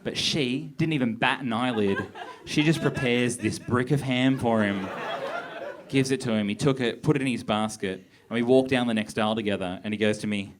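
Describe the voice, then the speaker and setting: A young man doing a stand-up set on a theatre stage, with a deadpan, awkward, self-deprecating delivery. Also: medium pitch, normal speed. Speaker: stand-up comedian. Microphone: handheld stage mic. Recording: live theatre with crowd laughter. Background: audience laughter.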